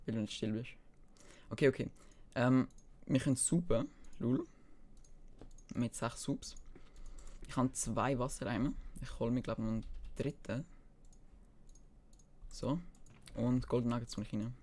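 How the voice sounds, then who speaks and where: Speaking a little slowly with long pauses, a Swiss German-accented man casually streams a game, muttering to himself at times and responding to chat at others. His voice is mid-range and slightly mellow, and keyboard typing and mouse clicks sound in the background.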